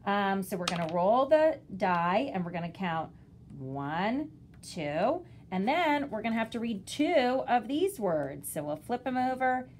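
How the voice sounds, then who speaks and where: A woman's voice: medium pitch, sing-song, normal speed, hardly any pauses, a little hiss or hum. A woman kindergarten teacher giving parents an instructional walkthrough, explaining things simply, step by step.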